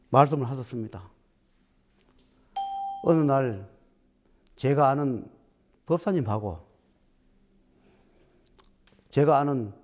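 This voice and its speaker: A man's voice: mid-range voice, a little mellow. A man, a Buddhist dharma teacher, telling stories in a talk and acting out the quoted dialogue. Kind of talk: storytelling talk.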